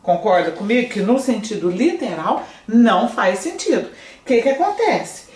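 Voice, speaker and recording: A French teacher from Brazil gives an online language lesson from a room in front of a screen, her mid-range voice at a moderate pace, sounding echoey and recorded from a distance. She's lively, talking to her students and often asking them questions to check they're following.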